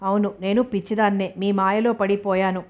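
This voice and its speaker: Woman reader doing a wounded young wife in an audiobook, flat and bitter. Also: mid-range voice, a little fast, lo-fi sound, natural voice. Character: young wife, hurt and accusing.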